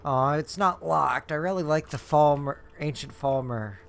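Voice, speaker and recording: A man's voice: a little high, moderate pace, creaky, a little hiss or hum. A man giving casual, rambling gameplay commentary as a streamer, with offhand asides, close on the microphone. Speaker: game streamer. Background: game music.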